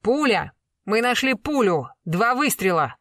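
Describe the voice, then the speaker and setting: A stern former colonel pressing a suspect, voiced by an audiobook reader. Measured, cold and relentless, with a commanding edge. Dry, close sound. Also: mid-range voice, big pitch swings, fairly bright tone, dry recording, voice pushed up. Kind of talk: audiobook character reading.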